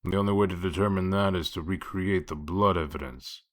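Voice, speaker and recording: A man playing a gruff, sardonic, bossy wolf detective in a comic dub, speaking in a curt, commanding way. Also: fairly even intonation, fairly quick, lightly acted. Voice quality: deep voice.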